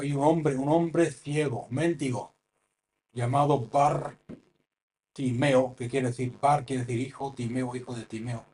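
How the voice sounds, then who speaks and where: Impassioned preacher man. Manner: impassioned, swinging from loud cries to low hushed phrases. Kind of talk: sermon.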